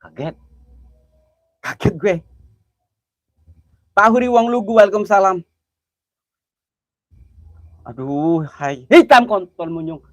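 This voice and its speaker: This livestream host, a man with a high, animated voice, speaks slowly and pauses often in a dry recording. He's out at night by an old well hunting ghosts, jittery and talkative, calling out viewers' names and exclaiming nervously.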